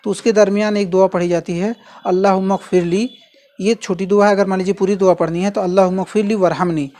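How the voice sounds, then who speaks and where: A man giving a patient, step-by-step spoken lesson, repeating key phrases slowly and carefully. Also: sits high, steady tone, mellow. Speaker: religious instructor. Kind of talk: instructional demonstration.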